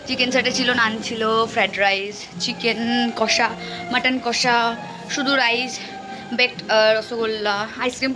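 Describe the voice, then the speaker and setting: A woman vlogging in casual chat, playful and teasing, slightly hoarse, recorded on a phone outdoors. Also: on the high side. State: hoarse throat. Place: outdoors, wedding and village roads.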